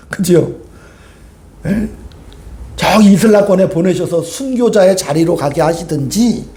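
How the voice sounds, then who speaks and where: A man's voice: sits high, measured pace, dark tone. A male pastor giving a conversational sermon, often asking his congregation for agreement as he goes. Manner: conversational preaching, keeps prompting the congregation for agreement. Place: church sanctuary. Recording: echoey church room.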